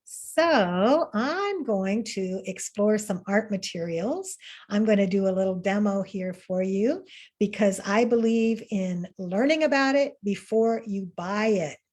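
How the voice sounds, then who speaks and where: A woman's voice: mid-range voice, animated, measured pace, darkish tone. A woman teaching an online art class, talking in an upbeat, encouraging way with fillers and restarts over a video call. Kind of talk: webinar lesson.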